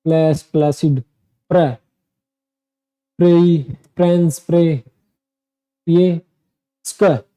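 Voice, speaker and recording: A man's voice: a little high, mellow. A man teaching pronunciation in a lesson, drilling word lists aloud and asking and answering his own questions. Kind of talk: screen-share lesson.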